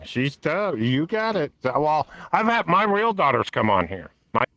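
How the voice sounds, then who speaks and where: A man's voice: fairly high pitch, big pitch swings, a little slow, bright, forceful tone, no echo, low-quality recording. A man in his fifties chatting casually in a rambling, folksy way, swearing now and then. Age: 50s. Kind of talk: casual chat. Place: virtual world voice chat.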